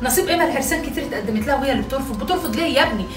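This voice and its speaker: Scolding Egyptian mother, high and fast. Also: animated, reverberant, recorded from a distance, music in the background. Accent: Egyptian Arabic. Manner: scolding, insistent. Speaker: mother in a family skit. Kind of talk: acted family drama sketch.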